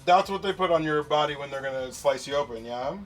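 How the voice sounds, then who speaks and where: A man's voice: a little high, a little fast, distant mic. A man with a sassy, campy drag queen delivery, drawing out words as he co-hosts a casual comedic science demo.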